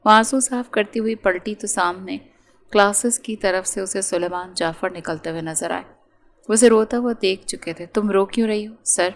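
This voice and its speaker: A woman narrating a romance novel audiobook with steady, dramatic storytelling. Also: medium pitch.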